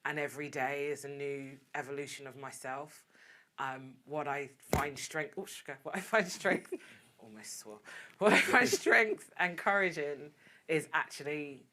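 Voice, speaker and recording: A woman's voice: low voice, a little slow, sharp tone, a little hiss or hum. A woman in her late thirties speaking as a panelist on an online discussion, earnest and reflective, offering encouragement. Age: 30s. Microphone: video call.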